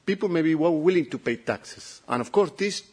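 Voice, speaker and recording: A man's voice: a little high, animated, brisk, darkish tone, husky. Italian-accented man presenting a report. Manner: repeats words and restarts often.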